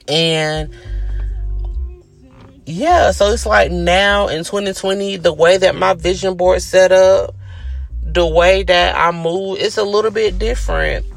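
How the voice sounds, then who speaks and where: A man's voice: high voice, creaky. A man hosting his own podcast, talking earnestly and reflectively in a casual, conversational way. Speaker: podcast host. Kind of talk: reflective solo podcast monologue.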